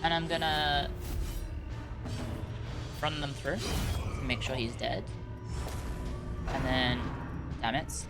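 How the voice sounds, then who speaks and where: A woman's voice: very deep voice, slow, long pauses. A woman doing casual live stream commentary on a game, chatty and reacting aloud with exclamations. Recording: music behind the voice. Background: game music.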